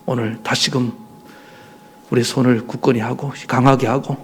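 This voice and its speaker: A man's voice: medium pitch, level tone, normal speed, breathy edge. A male pastor preaching a sermon emphatically, pressing the congregation with rhetorical questions.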